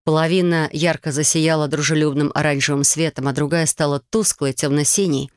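Measured audiobook narrator, dry close sound. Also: mid-range voice, fairly even intonation, no echo. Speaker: audiobook reader. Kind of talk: scripted fantasy narration.

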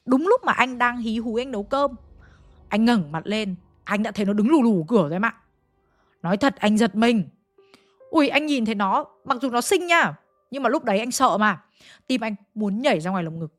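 A woman's voice: a little high, a bit bright, no echo. Chatty Hanoi woman telling a ghost story. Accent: Hanoi Vietnamese. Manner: chatty, dramatic, addresses listeners directly. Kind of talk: conversational ghost story retelling.

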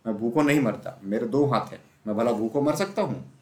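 A man's voice: medium pitch, lively intonation, brisk, darkish tone, natural voice. Man voicing a humble kindly runner. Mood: earnest. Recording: roomy echo.

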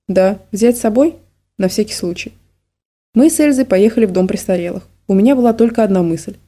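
Mellow-voiced woman reading an audiobook. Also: mid-range voice. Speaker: audiobook narrator. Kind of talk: audiobook narration.

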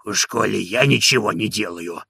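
An old manservant grumbles low and slow, his gravelly, husky voice sour with grievance, as a male reader puts him on. He sounds sulky and put-upon, dragging each complaint out. His tone stays bright and edgy despite the rasp. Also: dry recording, clean studio sound, heavily acted. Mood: aggrieved.

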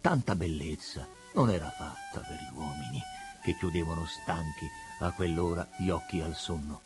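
Deep husky male narrator, lively dramatic reading of classic fiction. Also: music in the background. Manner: measured, expressive dramatic reading. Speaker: audiobook narrator. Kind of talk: literary audiobook reading.

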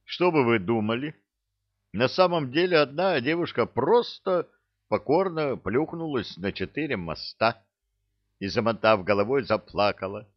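Slow, expressive male audiobook narrator. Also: mid-range voice, dry recording, muffled recording. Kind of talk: scripted narration.

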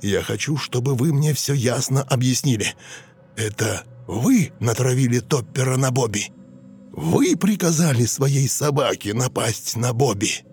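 A man voicing a calm middle-aged doctor patiently questioning a patient in an audiobook. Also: mid-range voice, measured pace, pitched above the performer's own voice. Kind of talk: audiobook reading.

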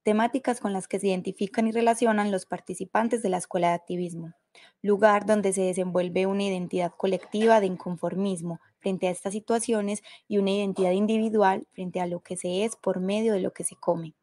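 A woman reading scripted documentary narration in a measured, formal way. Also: medium pitch, steady tone, mellow.

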